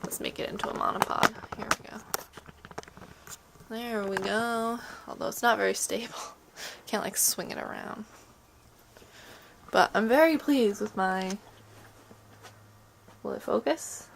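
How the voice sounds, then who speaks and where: A sick woman with a stuffy nose and a sore throat, chatting casually to camera at home in a rambling, soft-hearted way. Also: medium pitch, unhurried, vocal fry, pauses often, slight background noise. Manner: rambling, soft-hearted talk to pets and objects. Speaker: vlogger. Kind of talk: casual chat to camera, sick day vlog. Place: at home in a bedroom.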